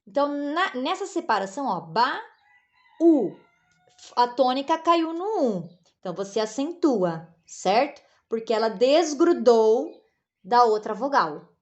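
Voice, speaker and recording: A woman's voice: fairly high pitch, sing-song, normal speed, muffled recording. A Brazilian woman teacher explaining a lesson to children patiently, spelling out syllables and checking in often. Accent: Brazilian Portuguese. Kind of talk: recorded classroom lesson for children.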